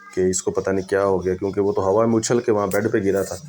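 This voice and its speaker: A man telling a first-person spooky story in a dramatic, unhurried way, repeating phrases for effect. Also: low-pitched, little pitch movement, darkish tone, soft background music.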